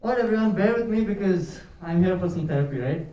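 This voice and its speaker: A man's voice: high-pitched, animated, fast talker, mellow. A young man from India doing a stand-up comedy set, ranting and laughing at his own jokes. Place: stage in a room with an audience. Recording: echoey room, mic from a distance.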